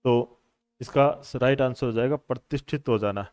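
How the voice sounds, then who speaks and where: A man's voice: medium pitch, moderate pace, darkish tone, dry recording. A man teaching a coaching class on questions. He explains each answer patiently, repeats the answers and calls his students brothers and friends. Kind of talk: classroom lecture on Hindi exam questions.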